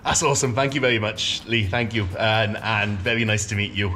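A man from Wales hosting a casual food vlog, friendly and quick to laugh at his own slips. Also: fairly low pitch, sharp tone. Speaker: vlogger host. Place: indoor restaurant.

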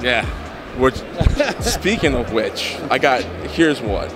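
A man's voice: medium pitch, big pitch swings, slow pace, music in the background. A young man, hosting a casual interview for a fan channel on a handheld microphone. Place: indoor convention booth.

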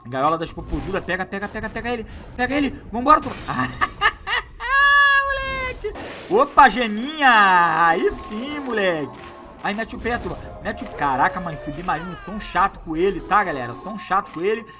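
A man doing excitable, slangy live gameplay commentary as a gaming YouTuber, hyping up his viewers. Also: high voice, a little fast, over music.

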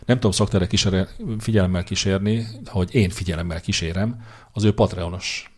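A man's voice: low-pitched, steady tone. A man co-hosting a casual podcast, opinionated and teasing as he makes predictions and mocks public figures. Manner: opinionated, teasing, quick to mock. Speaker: podcast co-host. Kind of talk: casual political chat.

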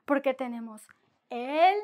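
Bright, unhurried woman teaching Spanish. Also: sits high. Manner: playful, animated, drawn-out syllables for practice. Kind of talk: bilingual language lesson.

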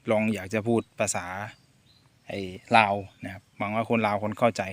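A man's voice: on the low side, level tone, moderate pace, no echo. A Thai man from Korat, a sugarcane farmer, chatting in a loose, easygoing vlog with a Korat accent and Isan words mixed in. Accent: Korat (Nakhon Ratchasima) Thai, mixing in Isan/Lao words. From Thailand. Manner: easygoing, chuckling, loose and meandering. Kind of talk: casual rambling vlog talk. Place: farm field outdoors.

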